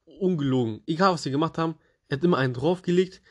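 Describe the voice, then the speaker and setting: A man's voice: fairly high pitch, fast, a little mellow, dry recording. A young man hosting a casual storytelling podcast, joking and slangy, with playful restarts. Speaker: podcast host.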